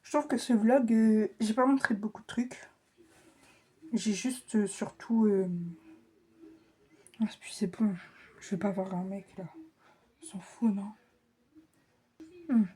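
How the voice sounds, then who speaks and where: Young woman vlogger, husky voice, flustered and hurried, chats and mutters half-whispered asides. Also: mid-range voice, fairly even intonation, warm tone. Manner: chatty, self-mocking, often drops to a whisper. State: flustered and rushed. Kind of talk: casual vlog chat.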